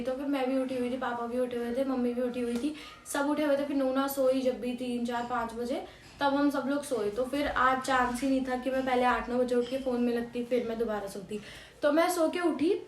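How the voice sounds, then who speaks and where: A woman's voice: high voice, a little hiss or hum. A young adult woman vlogger telling a story to camera in a rambling, chatty way, full of fillers and repeats. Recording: echoey room.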